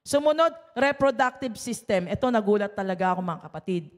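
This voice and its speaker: A woman's voice: mid-range voice, expressive, a little fast, big-room sound. A woman pastor giving a conversational sermon, listing points and often checking in with the listeners through tag questions.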